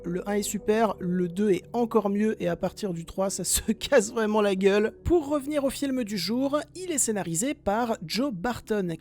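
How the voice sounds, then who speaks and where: A woman's voice: mid-range voice, warm tone. Chatty woman hosting a film podcast. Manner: chatty, self-mocking asides to listeners. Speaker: podcast host, film reviewer. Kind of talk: casual film review podcast.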